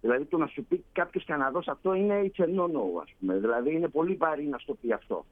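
Telling stories in a relaxed chat, this guest, a Greek man based in Canada, performs the quoted lines of dialogue. He sounds a little high and animated, and the audio has a phone-like quality.

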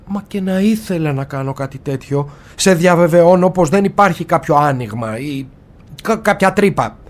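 A man's voice: on the high side, animated, close to an everyday voice. An actor playing a boastful, flustered man who gloats, then stammers in panic, with theatrical delivery. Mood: evasive. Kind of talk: comic theatre or audio drama.

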